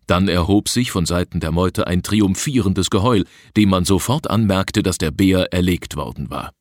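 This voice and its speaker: A male narrator reading an adventure story aloud in a very low, deep voice. His delivery is even and measured. The recording is dry and close, with no room echo. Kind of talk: audiobook reading of a travel adventure.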